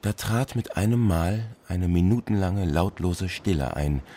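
A man's voice: deep voice, expressive, unhurried, dark tone. A man narrating a sea adventure in the first person with a dramatic storyteller's delivery.

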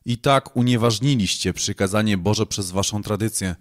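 Low-voiced man reading scripture. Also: moderate pace. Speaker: scripture reader.

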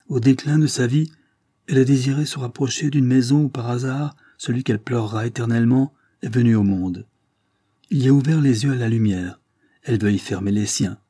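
A man's voice: lowish voice, warm tone, slightly rough, dry recording, clean studio sound. A man voicing a grieving, stern aristocratic mother as he reads a classic novel aloud, solemn and pleading. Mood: grave.

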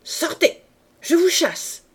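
A woman voicing a stout, imperious bourgeois mother who scolds and accuses her maid in loud, raised outbursts, in an audiobook reading of a novel. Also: a little fast, close to an everyday voice. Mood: furious.

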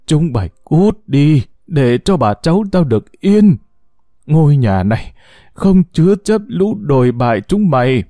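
A man's voice: fairly high pitch, animated, moderate pace, dry recording, clean studio sound, voice pushed up, natural voice. A man voicing a frantic old grandmother. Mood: furious. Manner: broken, shouting speech. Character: furious, desperate old grandmother.

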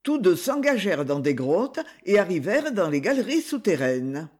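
Expressive male audiobook narrator. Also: high voice, normal speed.

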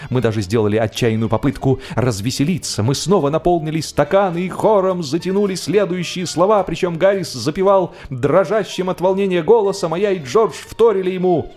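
An audiobook narrator with a somewhat high, slightly mellow voice reads a humorous novel expressively. His delivery is theatrical and deliberate, stretching out phrases for dramatic effect.

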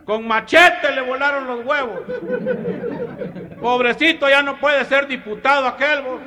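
A man voicing a rowdy rural man with an eastern Guatemalan accent, gossiping loudly. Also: very high-pitched, steady tone, a little slow, a crowd in the background, voice pushed up. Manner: shouty, says "vos" a lot.

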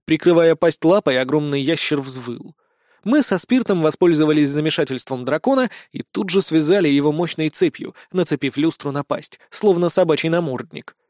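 A man narrating a comic fantasy audiobook with lively, brisk storytelling. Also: fairly high pitch, no echo, studio quality.

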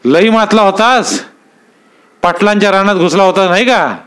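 A man voicing a domineering, brutal village strongman with harsh, bullying shouts, pitched well above his narrating voice. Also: moderate pace, clear, resonant tone, lightly acted. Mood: menacing.

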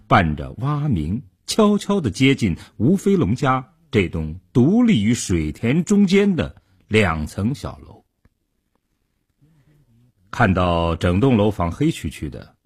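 A man's voice: medium pitch, darkish tone, slightly rough. A man narrating a true-crime serial for radio, dramatic and acting out the characters' lines. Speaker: radio storyteller. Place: radio studio.

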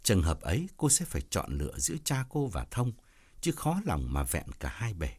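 Expressive male storyteller, very animated. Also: sits low, moderate pace, husky. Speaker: narrator. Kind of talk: audiobook story narration.

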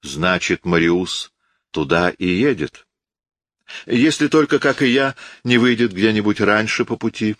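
A man's voice: on the low side, lively intonation, a little slow, a bit bright, dry recording, studio quality. A man voicing a glib, self-assured young cavalry officer for an audiobook, breezy and lightly mocking. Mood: matter-of-fact. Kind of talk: audiobook character voice.

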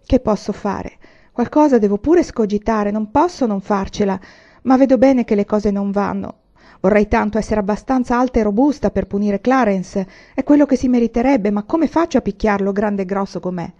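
A shy, worried teenage girl pleads earnestly as a woman reads her lines aloud. The voice is mellow and warm in tone, in the middle of the range. The recording sounds a little dull and lo-fi. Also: mid-range voice, moderate pace, close to an everyday voice. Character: shy teenage girl, anxious new teacher.

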